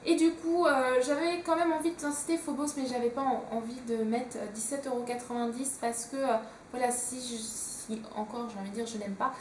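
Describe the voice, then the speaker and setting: A young Frenchwoman with a high voice chats about her books, hesitating often and filling gaps with little fillers. She sits a bit away from the mic in an echoey room, with faint ambient hiss behind her. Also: steady tone, brisk, darkish tone, recorded from a distance. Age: young adult. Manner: chatty, hesitant with many fillers. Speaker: book vlogger. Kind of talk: casual chat.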